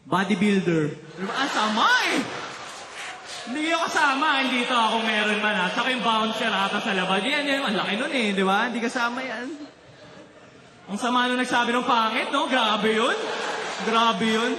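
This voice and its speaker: With a very high-pitched voice and a fairly quick pace, a Filipino stand-up comedian animatedly spins stories and teases his audience. The recording is reverberant.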